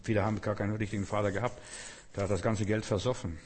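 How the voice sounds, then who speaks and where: A man's voice: on the low side, level tone, fast, slightly rough. A man preaching a sermon, emphatic, repeating key phrases and acting out the voices he quotes. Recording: long hall reverb.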